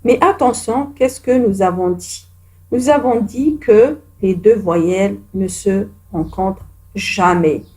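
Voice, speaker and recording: Woman teacher, grammar lesson for kids, unhurried pace, patient, encouraging. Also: medium pitch, darkish tone. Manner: slow, patient and encouraging, addresses pupils directly.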